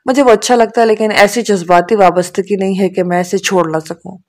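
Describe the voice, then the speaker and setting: An earnest young woman who speaks quietly and seriously about her own future, as the narrator reads her. The voice sits at a mid pitch in a plain storybook telling. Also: fairly even intonation, natural voice. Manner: quiet, earnest, a little defensive. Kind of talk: audiobook dialogue reading.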